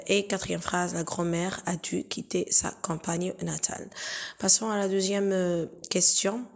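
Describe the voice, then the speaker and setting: A woman teacher talks through exam exercises at an unhurried, deliberate pace. Her voice sits somewhat low, and she pauses often with fillers and restarts. She repeats each example phrase patiently, one at a time. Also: creaky. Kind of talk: explaining exam exercises in a recorded lesson.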